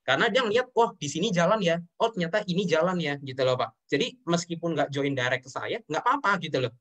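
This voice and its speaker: A young man from Indonesia talks fast in a slightly high voice. He speaks earnestly and keeps addressing the host politely as he tells his story. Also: expressive, fairly bright tone. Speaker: guest sharing his business story. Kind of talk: emotional interview talk.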